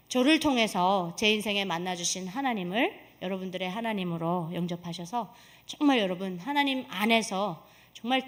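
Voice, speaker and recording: A woman's voice: a little high, a bit bright. A woman from Korea, giving an emphatic church testimony with rhetorical questions to the congregation. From North Korea.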